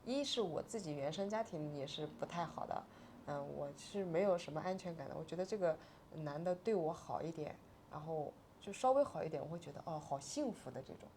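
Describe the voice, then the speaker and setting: A woman's voice: deep voice, expressive, a little fast, dark tone. Interview guest, woman in her 40s, emotional first-person retelling, agitated swings, faint noise floor.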